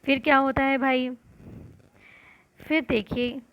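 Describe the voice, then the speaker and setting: A woman's voice: high voice, little pitch movement, takes it slowly, a bit bright, slight background noise. A woman teacher explaining a story lesson to students, glossing words and repeating lines. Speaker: school teacher.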